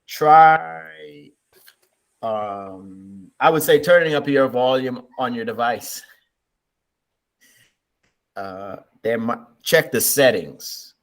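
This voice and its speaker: A man hosting an online interview on a video call, measured and encouraging, often repeating his words. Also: mid-range voice. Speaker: host.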